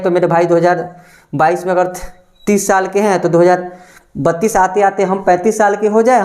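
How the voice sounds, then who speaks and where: This man's voice is high-pitched and a little mellow as he teaches a maths lesson aimed at exam preparation. Addressing his listeners as friends, he puts a question to the class, then answers it himself and repeats the answer.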